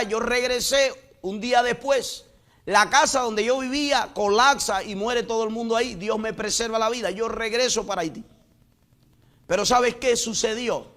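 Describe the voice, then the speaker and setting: A middle-aged male pastor preaching a sermon, telling a personal testimony and swinging between loud exclamations and hushed lows. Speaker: pastor and missionary.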